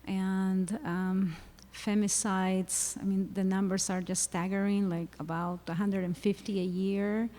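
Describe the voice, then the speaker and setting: A middle-aged woman from Peru with a Peruvian Spanish accent, speaking earnestly and haltingly with many fillers on a panel. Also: mid-range voice, flat delivery, mellow. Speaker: psychologist panelist. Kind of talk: panel discussion talk. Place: university lecture hall. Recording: long hall reverb.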